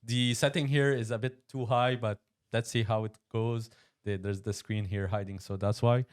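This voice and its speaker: A man hosts a podcast from a studio, his voice low and dry with no room sound. He is friendly and a little halting, with fillers as he goes. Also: fairly even intonation, no echo. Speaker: podcast host. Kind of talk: casual interview chat.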